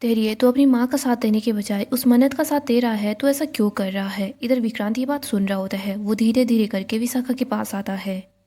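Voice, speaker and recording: A woman's voice: fairly high pitch, a little fast, warm tone. A woman narrating a recap of a TV drama, retelling the scenes and reading the characters' lines in her own voice. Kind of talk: storytelling recap of a TV serial.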